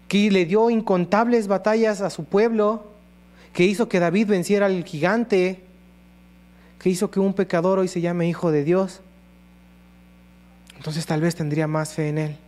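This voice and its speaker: A high-pitched man preaches a sermon in earnest tones. He slips into short acted voices for prayers and quotes. A faint electrical hum sits under his voice. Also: a little mellow.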